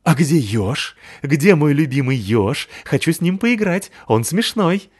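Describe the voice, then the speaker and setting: A man reads as a boisterous male malamute in a children's storybook, his voice pitched high and loud, shouting and barking. He bounces with carefree excitement and never sits still. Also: unhurried, husky, exaggerated voice. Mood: excited.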